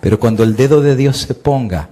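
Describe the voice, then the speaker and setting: A middle-aged man preaching a sermon, his voice slightly husky. He swings between loud, high-pitched peaks and low, quiet lines, and he asks his listeners questions before answering them himself. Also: a little fast. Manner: preaching with sweeping rises and drops in pitch and volume. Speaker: pastor.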